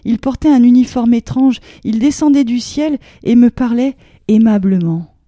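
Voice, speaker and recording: A woman's voice: a little high, moderate pace, mellow, no echo, lightly acted. Eager dreamy wife, voiced by a woman. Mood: eager, wondering. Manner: eager, breathless telling.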